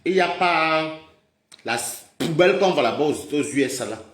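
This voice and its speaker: A man's voice: a little high, expressive, moderate pace, fairly bright tone. An agitated man hosting a livestream, scolding and mocking his viewers in a heated rant and calling them maman. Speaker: livestream host. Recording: roomy echoey sound.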